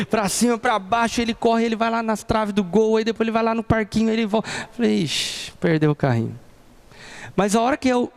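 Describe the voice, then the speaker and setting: A man's voice: high-pitched, darkish tone. A Brazilian man in his thirties preaching a sermon and telling family stories, acting out the people in them. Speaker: pastor. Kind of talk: sermon with personal storytelling.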